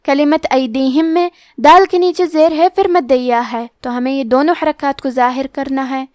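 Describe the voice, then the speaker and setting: A woman teaching Quran recitation rules, explaining each letter and rule slowly and carefully. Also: high-pitched, fairly even intonation, no room sound, clean studio sound. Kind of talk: tajweed lesson explanation.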